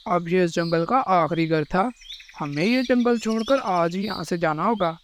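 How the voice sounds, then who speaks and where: A man's voice: high-pitched, normal speed, slight background noise, close to an everyday voice. A man voicing a practical, commanding male bird thief in a cartoon. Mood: urgent, practical. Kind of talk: cartoon character voice acting.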